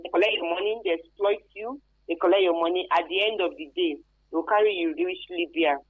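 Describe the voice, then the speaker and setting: A woman with a Nigerian accent, an anti-trafficking expert appearing as a radio guest, gives informal explanatory interview answers, often repeating phrases for emphasis. Her voice is lowish, fairly quick, and breathy-edged, and the lo-fi radio sound is muffled and dry with no echo.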